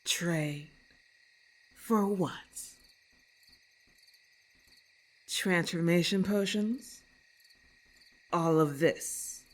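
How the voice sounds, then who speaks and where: Playing a predatory, arrogant female lamia for ASMR, a woman speaks in a slow, commanding and condescending manner. She uses a deep voice, and the mood is suspicious and imperious.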